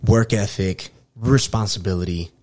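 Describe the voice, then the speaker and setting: A middle-aged man from New York hosting a podcast, talking casually and earnestly, often halting and repeating his phrases. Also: fairly low pitch, a little mellow, dry recording, studio quality. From New York, United States. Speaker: podcast host.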